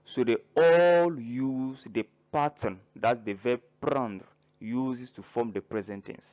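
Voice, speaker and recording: Slow, careful male language teacher. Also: medium pitch, darkish tone, lo-fi sound. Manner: spells words out letter by letter, pauses between listed verbs. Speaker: French teacher. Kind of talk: slow grammar lesson narration.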